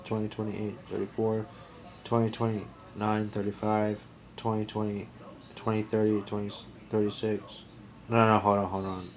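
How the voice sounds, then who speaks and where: A young man in his twenties with a somewhat low voice talks on in a loose, earnest monologue to camera. He rambles, trips over his own sentences and starts again. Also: little pitch movement, normal speed, poor audio. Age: 20s. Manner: rambling, earnest, restarts and counts aloud. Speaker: vlogger.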